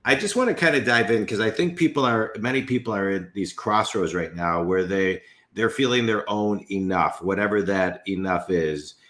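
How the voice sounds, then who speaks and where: A man's voice: lowish voice, normal speed, hardly any pauses, a bit bright. Rambling fifty-year-old man hosting a podcast. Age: 50s. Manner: rambling, many fillers like you know. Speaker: podcast host and business coach. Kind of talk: casual interview chat.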